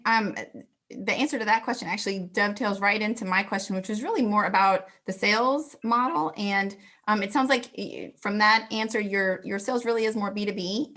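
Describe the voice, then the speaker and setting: A woman in her thirties speaks as a judge on a remote panel. Her voice is medium in pitch, and she puts her questions through a computer mic. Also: bright, forceful tone. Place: indoors on a video call. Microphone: computer mic on a video call.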